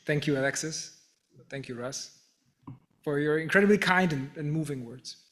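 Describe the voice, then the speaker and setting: A man with a German accent reads a prepared acceptance speech at a measured pace, dry and self-deprecating. His voice sits a little high for a man, and he sometimes restarts a phrase. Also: a bit bright. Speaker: professor giving an acceptance speech. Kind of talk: formal prepared speech with humor.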